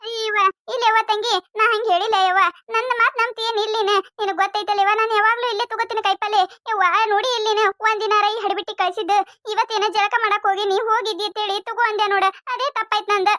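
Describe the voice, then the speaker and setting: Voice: level tone, quick pace, few pauses, bright, forceful tone, no room sound, studio quality. A voice actor playing a scolding older village mother-in-law with a North Karnataka accent in a cartoon comedy. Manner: scolding, nagging, shrill.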